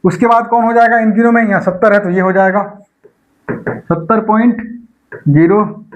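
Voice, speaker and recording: A man's voice: high-pitched, steady tone, lo-fi sound. A man teaching an online maths lecture for an exam. He explains each step and keeps asking his students rhetorical questions. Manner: repeats numbers slowly while working problems.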